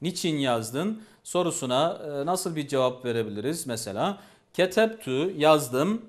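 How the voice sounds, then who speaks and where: Male teacher, patient and repetitive, voice a touch high. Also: expressive, unhurried. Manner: patient, repeats each phrase and asks questions. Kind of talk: language lesson.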